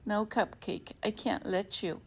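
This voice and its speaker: A woman reading aloud, voicing a tired, sick mother who speaks softly and weakly to her daughter. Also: medium pitch, fairly even intonation, measured pace, creaky, husky. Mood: tender. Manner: weak, soft-spoken.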